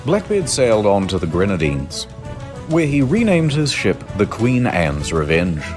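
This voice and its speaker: A man narrating a comedic history story in a dry, deadpan way, over background music. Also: on the low side, unhurried.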